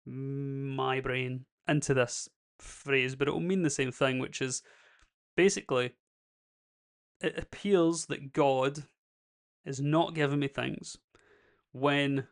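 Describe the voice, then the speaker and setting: A man's voice: medium pitch, fairly even intonation, slow pace, vocal fry, pauses often. A young man talking casually to camera, rambling with lots of "basically" and "like" fillers. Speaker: creator vlogging. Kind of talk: casual reflective monologue.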